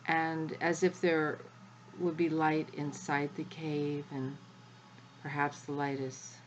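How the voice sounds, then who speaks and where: Low woman's voice, really slow, guiding an energy activation, long pauses, bit of noise behind her. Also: level tone, muffled recording. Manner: measured, with long pauses between short phrases. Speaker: spiritual guide leading an energy session.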